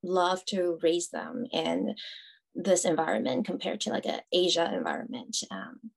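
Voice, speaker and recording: A woman from Taiwan in her thirties, chatting as a podcast guest, soft-spoken and chatty with frequent fillers and light laughs. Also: on the low side, very animated, measured pace, creaky, breathy edge. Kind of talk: casual interview conversation.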